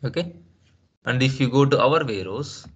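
A man talks through a screen-share tutorial at a middle pitch. He explains step by step, asks the listener questions and leans on "uh" and "I mean to say" as he restarts his sentences. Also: lively intonation, moderate pace, slightly rough, dull audio. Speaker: SAP trainer.

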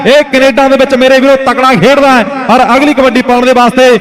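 A man commentates live on kabaddi. His voice is pitched extremely high for a man. He declaims like an announcer, doubling phrases and moving into rhymed verse. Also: fairly even intonation, fast talker, a crowd in the background.

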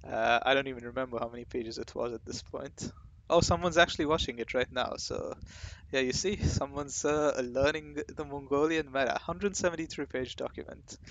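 A man's voice: medium pitch, moderate pace, hardly any pauses, fairly bright tone, dull audio, slight background noise. A man hosting a gaming channel who talks in a casual, rambling way, with lots of fillers and restarts. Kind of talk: casual rambling talk to camera.

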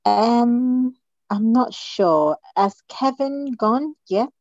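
A woman from Nigeria introducing herself in a quick, relaxed way on a video call. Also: a little high, dry recording, faint music behind. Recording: dry, slightly muffled video call audio.

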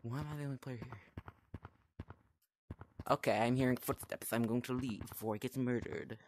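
A man's voice: mid-range voice, fairly even intonation, moderate pace, a little hiss or hum. A man giving casual, rambling commentary while playing a VR game, self-conscious and talking to himself through a headset mic. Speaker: gameplay vlogger.

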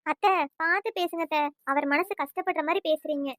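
A meek cartoon daughter-in-law, voiced by a woman, soft and deferential, very high and bright in tone. She answers with gentle pleading. The sound is dry and close. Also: a little fast, dry recording. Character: meek young wife, polite and pleading. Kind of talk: cartoon voice acting.

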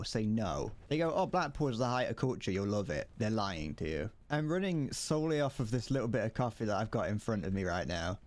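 A young man from the UK who streams games and makes casual, rambling, profane jokes as he plays. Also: fairly low pitch. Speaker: gaming streamer. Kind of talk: casual commentary while gaming.

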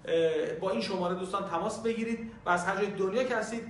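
A man giving a polite, formal sign-off at the end of a lesson video. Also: sits high. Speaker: teacher. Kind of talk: channel outro. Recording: echoey room with faint noise.

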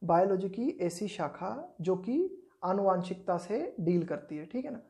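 Mellow-voiced woman teaching patiently. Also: on the low side. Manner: patient, repeats points with tag questions; reads English definitions slowly and deliberately. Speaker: exam prep teacher. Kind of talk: explaining lesson.

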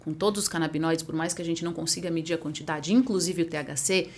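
Low-voiced woman explaining patiently. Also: fast talker. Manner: patient, informative, lively emphasis. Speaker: guest, medical cannabis entrepreneur. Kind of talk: explanatory podcast interview talk.

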